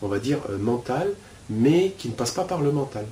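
A man's voice: mid-range voice, big pitch swings, moderate pace, mellow, slight background noise. Rambling man guiding an exercise, echoey room. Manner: rambling, hesitant, many fillers and restarts. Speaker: spiritual teacher. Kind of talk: guided exercise instruction. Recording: echoey room with faint ambience.

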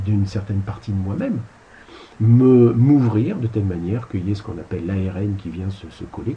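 A man's voice: lowish voice, dark tone, lo-fi sound, a little hiss or hum. A man giving a casual spiritual lecture over slides, rambling and colloquial, with crude asides. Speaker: spiritual teacher.

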